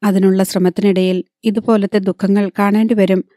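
A woman voicing a proud, hot-tempered aging wealthy father in an audiobook, commanding yet soft with his daughter. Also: high-pitched, little pitch movement, moderate pace, dry recording, studio quality, close to an everyday voice. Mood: weary, tender.

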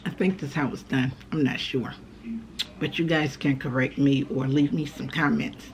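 A middle-aged woman with a creaky, gravelly voice chats casually to viewers while eating, her mouth full. She is recorded indoors at a dining table, with noticeable room noise behind her. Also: rumbling low, fairly even intonation, moderate pace. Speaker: mukbang vlogger. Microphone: camera on the table at arm's length.

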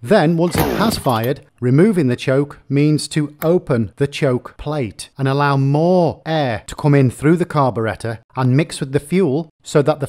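A man's voice: fairly high pitch, darkish tone. A man giving a methodical, step-by-step repair lesson in plain explaining narration. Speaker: repair technician explaining chainsaw faults. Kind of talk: instructional narration.

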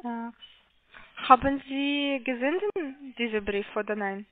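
Unhurried and a little high, a woman's voice is captured in a dry recording over a muffled, narrow telephone line. As a call center agent without German, she keeps asking polite, hesitant, repetitive questions in a phone sales call.

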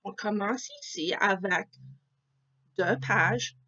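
A woman teacher reading a picture book aloud to children, slowly and expressively, asking them questions. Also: mid-range voice, pushed and bright, breathy edge, highs cut off.

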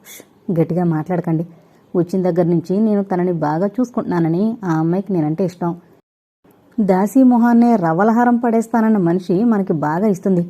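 Narrator as an eager-to-please housewife, placating, dark warm voice. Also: female voice, on the low side, a little fast, lightly acted.

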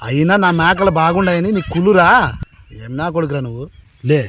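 A man acting a hard-of-hearing uncle in a village comedy skit, mishearing everything and scolding loudly. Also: on the high side, fairly quick, a little hiss or hum.

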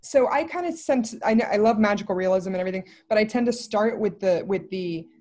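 This interview guest, a film writer and director in her thirties, talks at a quick pace in a mid-range voice over a video call from indoors. Her casual answers unfold as she thinks aloud, animated and rambling with plenty of side remarks.

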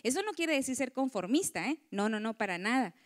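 A woman's voice: fairly high pitch, sing-song, a little fast. A woman giving a motivational talk to women, often asking the audience for agreement. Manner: warm lecturing, acts out quoted voices, asks audience. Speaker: conference speaker.

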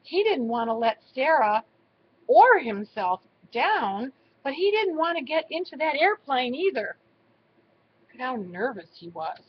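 A woman reading a children's storybook aloud in a slow, expressive way. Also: high-pitched, muffled recording, slight background noise. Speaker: storybook reader. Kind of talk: read-aloud narration.

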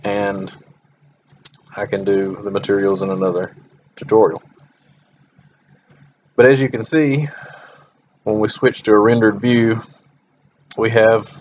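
A man with a monotone voice hosting a software tutorial, talking through each step as he clicks, with some fillers. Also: fairly low pitch, highs cut off, a little hiss or hum. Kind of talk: screen-recorded software tutorial.

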